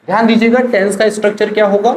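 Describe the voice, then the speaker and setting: A woman's voice: medium pitch, little pitch movement, darkish tone, a little hiss or hum. Echoey Indian woman teaching grammar. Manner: drills sentence patterns slowly, switching between Hindi and English; checks in with students often. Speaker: English teacher. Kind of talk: classroom grammar lesson.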